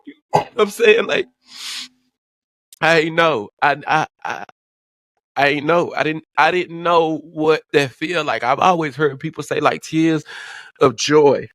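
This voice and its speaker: Speaking as a vlogger, a man shares a personal story with deep emotion, near tears at moments, cursing openly and tripping over repeated words. His fairly high, fairly bright voice moves a bit slowly with frequent pauses, and there's no room sound.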